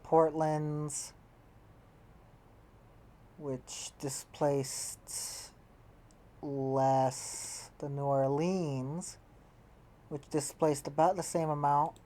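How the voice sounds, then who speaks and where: A woman's voice: deep voice, steady tone, extremely slow, long pauses, dark tone. A woman playing a strategy game, thinking aloud and musing to herself, often trailing off mid-thought as she tallies numbers. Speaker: game player. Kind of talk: casual gameplay commentary, thinking aloud.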